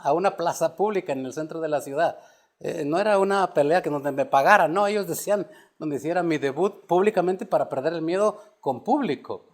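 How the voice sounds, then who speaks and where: Man, pastor, high pitch, impassioned sermon, quiet stories then loud peaks. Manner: impassioned preaching, swings from low storytelling to loud emphatic peaks; addresses listeners as "hermano".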